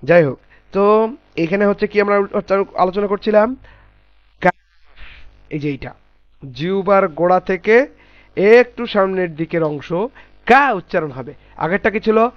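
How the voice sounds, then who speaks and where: A man teaching Quran letter pronunciation in a class, patiently spelling out sounds slowly and repeating them. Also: high voice, expressive, no room sound, dull audio.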